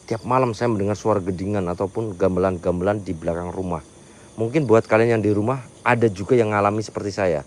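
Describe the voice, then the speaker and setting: A man, live-streaming a night ghost hunt, who calls out loud prayers and challenges to spirits between hushed remarks. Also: on the low side, slight background noise. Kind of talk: live ghost-hunting commentary. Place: outdoors at night at an old resort.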